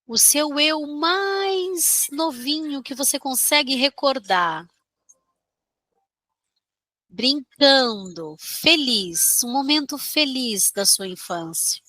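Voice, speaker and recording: A Brazilian woman leading a guided meditation, giving soothing, gentle instructions with long pauses. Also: sits high, lively intonation, no echo.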